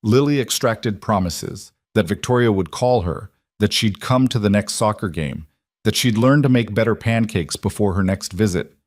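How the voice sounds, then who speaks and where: A man narrating a romantic story in a measured, even storytelling style. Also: fairly low pitch, no echo, clean studio sound. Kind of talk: scripted narration.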